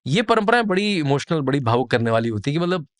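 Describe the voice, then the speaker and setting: A man's voice: a little high, very animated, fast talker, dry recording, studio quality. A man, a podcast guest, explaining traditions in a vivid, descriptive way and building scenes with lists. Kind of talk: explanatory storytelling interview.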